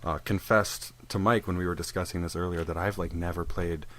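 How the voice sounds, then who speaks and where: A man's voice: deep voice, steady tone, a little fast, a bit bright, slight background noise. A young man hosting a casual video game podcast, rambling and joking, restarting his sentences often. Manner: rambling and jokey, with frequent restarts and fillers. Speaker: podcast host. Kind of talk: casual chat about video games.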